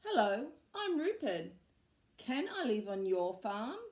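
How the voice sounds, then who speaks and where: A woman voicing an eager, clumsy little boy rabbit in a storybook reading, with bouncy, squeaky exclamations. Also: very animated, slow pace, a little mellow, roomy sound, heavily acted. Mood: cheerful.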